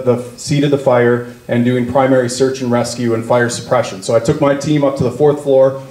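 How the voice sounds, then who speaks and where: Man, party leader, speech to members, storytelling, slows on key words, roomy echo, mellow tone. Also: mid-range voice. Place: meeting room. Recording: echoey meeting room.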